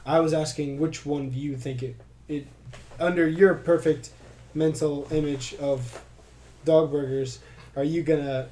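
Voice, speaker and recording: A man's voice: a little high, steady tone, a little slow, warm tone. A young man co-hosting a podcast, chatting casually and loosely with jokes and swearing. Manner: loose, profane, jokey. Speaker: podcast co-host. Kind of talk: casual chat.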